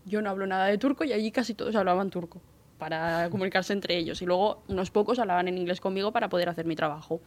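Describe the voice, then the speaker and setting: A young woman from Spain, speaking with a Spanish accent, telling a lively anecdote as an interview guest and acting out the voices of the people in it. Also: lowish voice, fast talker. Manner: lively, acts out the voices of others while telling a story.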